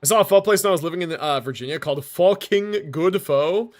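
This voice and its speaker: A young man streaming games chats casually in slangy, profane language. His voice is fairly high and he talks fairly quickly.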